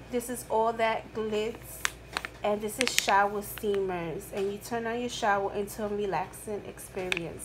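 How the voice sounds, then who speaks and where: A middle-aged woman, off-screen, narrating a shopping haul in a slow, chatty, upbeat way, recorded at home on a camera mic. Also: mid-range voice. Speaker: haul vlogger. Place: indoors at home, rain outside. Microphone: camera mic, off-screen, hands in frame. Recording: rain noise in background.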